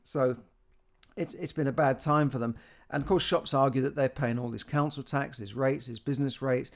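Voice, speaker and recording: Halting British man musing on the news. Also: medium pitch. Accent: British English. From Britain. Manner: halting, many restarts and repeated words. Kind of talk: casual spoken commentary on economic news.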